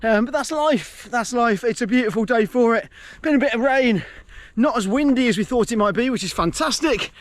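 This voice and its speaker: A man's voice: extremely high pitch, expressive, a little fast, few pauses, no room sound. A man talking casually to camera while running a marathon outdoors, exerted and ruefully self-deprecating. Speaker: vlogger.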